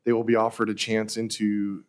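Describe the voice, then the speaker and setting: A man with a slightly hoarse voice, formally asking questions at a public meeting as a board member, often rephrasing as he goes. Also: on the low side, flat delivery, moderate pace, slight background noise. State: slightly hoarse, losing his voice.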